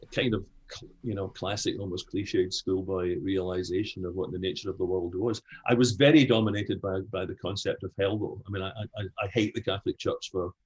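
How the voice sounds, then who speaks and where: Deep husky Scottish man in conversation. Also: brisk, lo-fi sound. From Scotland. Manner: frank, animated, many restarts. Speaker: interview guest. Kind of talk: conversational interview.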